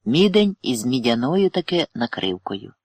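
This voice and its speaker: Guy reading an audiobook, steady measured telling, dry close mic. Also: medium pitch, dry recording. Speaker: narrator.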